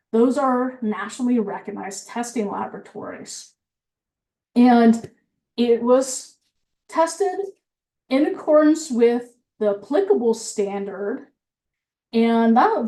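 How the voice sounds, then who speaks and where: A woman compliance engineer gives a methodical technical presentation, using frequent fillers while she has the hiccups. Her voice is on the high side and mellow.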